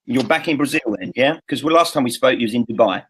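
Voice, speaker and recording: A man's voice: mid-range voice, quick pace, a bit bright, husky, rough recording. A man hosting a live online interview call, introducing the guest with enthusiasm and a few ums. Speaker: interview host.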